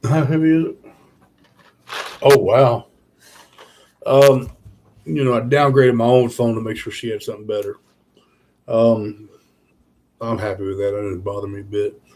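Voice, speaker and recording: A man's voice: lowish voice, fairly even intonation, unhurried, pauses often, a little mellow. A tired man, chatting casually with viewers on a live stream, rambling with lots of fillers. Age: 30s. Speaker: channel host.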